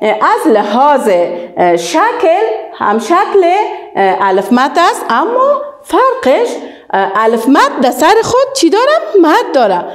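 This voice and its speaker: A woman with an Afghan Dari accent teaching the alphabet to young children, stretching out model words and praising often. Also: high-pitched. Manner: sing-song, drawn-out model words, praising.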